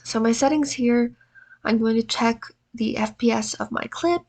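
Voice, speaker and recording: A woman's voice: on the high side, normal speed, vocal fry, a little mellow. A tired, exhausted-sounding woman with allergy congestion narrates a tutorial in a casual, self-deprecating way. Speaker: video editing tutorial presenter.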